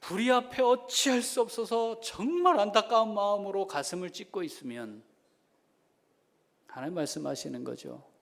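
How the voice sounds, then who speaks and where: Man, pastor, middle-aged, sermon, lively swinging pitch, slightly high voice, loud then soft asides. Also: normal speed, vocal fry. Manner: animated, shifts between loud exhortation and soft intimate asides. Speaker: senior pastor.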